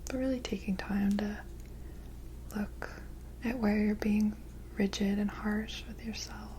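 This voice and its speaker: An airy, breathy woman whispers slowly over faint ambient noise. It is a whispered role-play of a mystical energy healer, gentle and soothing. Her delivery stays very even and unhurried. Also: medium pitch. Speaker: ASMR reiki energy healer.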